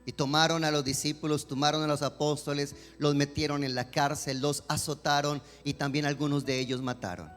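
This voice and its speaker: A man preaching a sermon as a pastor, swinging between emphatic questions and softer pleading. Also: on the high side, little pitch movement, brisk, few pauses. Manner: preaching with rising emphatic questions and dramatic quoted voices. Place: church sanctuary. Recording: long church hall reverb with music behind.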